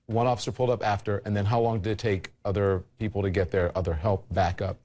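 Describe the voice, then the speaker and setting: A man conducting a news interview, asking questions haltingly and rephrasing as he goes. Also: lowish voice, flat delivery, dark tone.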